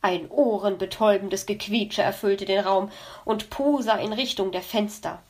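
A woman narrating a children's story in a calm, even storytelling manner. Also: medium pitch, normal speed. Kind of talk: audiobook narration.

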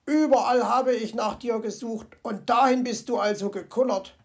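A woman doing a chatty, fussy fox gentleman. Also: on the high side, steady tone, moderate pace, lightly acted. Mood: bustling. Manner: chatty, talks to himself, comic grumbling. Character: cheerful fussy male fox, Herr Fuchs. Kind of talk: storybook character voice.

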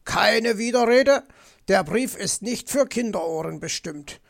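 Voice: mid-range voice, expressive, a little slow, creaky. A storybook narrator voicing Mr. Fox, a fussy, bossy male fox who grumbles and lectures.

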